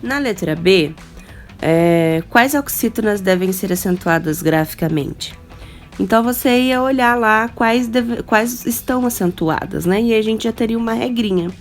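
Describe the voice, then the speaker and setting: A woman's voice: mid-range voice, lively intonation, soft background music. A woman teaching young children in a recorded lesson, with a Brazilian Portuguese accent. She talks patiently and keeps checking in with the kids. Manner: spells out word endings slowly and deliberately. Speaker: primary school teacher.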